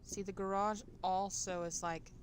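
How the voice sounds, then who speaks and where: A woman's voice: medium pitch, level tone, measured pace, a little hiss or hum. A woman chatting casually on a live stream in a cutesy, sweetly coaxing way.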